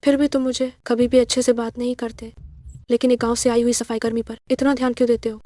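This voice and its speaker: A woman's voice: fairly high pitch, flat delivery, quick pace, warm tone, close to an everyday voice. An actress dubbing a spoiled, jealous rich young woman with a haughty, whining manner. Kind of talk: dubbed drama dialogue.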